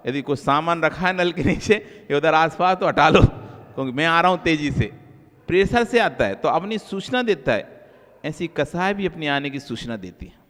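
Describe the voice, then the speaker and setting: A male Jain monk giving a sermon, repeating key phrases and moving between soft low asides and raised, emphatic lines. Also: expressive, moderate pace. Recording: long hall reverb.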